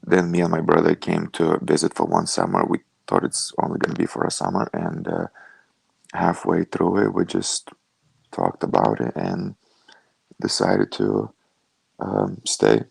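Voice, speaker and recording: A young man from Lithuania, a fighter telling his story over a video call in a relaxed, rambling way with lots of "like". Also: extremely low pitch, unhurried, vocal fry, slightly rough, no echo. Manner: relaxed storytelling, many "like" fillers. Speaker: guest, professional fighter.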